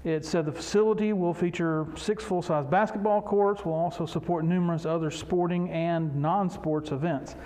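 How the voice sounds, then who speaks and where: A man's voice: a little high, steady tone, moderate pace, few pauses, mellow. A man speaking through a face mask as he moderates a local election debate. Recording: noisy ambience, masked speech. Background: clear ambient noise.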